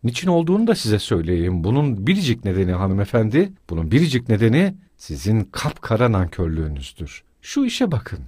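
A pompous, scheming middle-aged lawyer, played by a male reader, lecturing in a coldly polite, stiff tone. His delivery swings in pitch for emphasis. The sound is dry and close to the mic. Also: wildly swooping pitch, a little fast, hardly any pauses, darkish tone, slightly rough, dry recording, heavily acted. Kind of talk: audiobook character voice.

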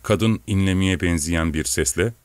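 Deep-voiced man reading an audiobook. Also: moderate pace, smooth, dry recording. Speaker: narrator.

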